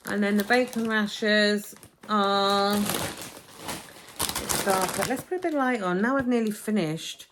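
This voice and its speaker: A woman's voice: medium pitch, slow pace, noisy background. Woman chatting into a phone video. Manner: chatty, talks to camera while unpacking shopping. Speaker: vlogger. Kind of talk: casual shopping haul vlog. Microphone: phone camera, filmed as a phone video.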